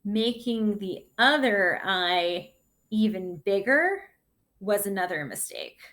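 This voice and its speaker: Reading a picture book to kids, this female sixth grade teacher speaks in a mid-range voice. She paces each line gently and expressively, stopping to offer her own remarks.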